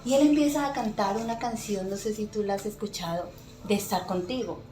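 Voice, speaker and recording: A middle-aged woman giving an earnest, emotional personal faith testimony as a podcast guest, pausing often with soft fillers. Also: medium pitch. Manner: earnest, emotional storytelling with many pauses and fillers. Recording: echoey room with faint music.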